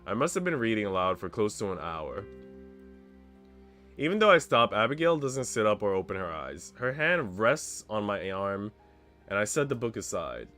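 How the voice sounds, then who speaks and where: A streamer reads first-person story text aloud from a visual novel, its music playing behind him. His voice is on the low side, very animated and sharp in tone, at a moderate pace.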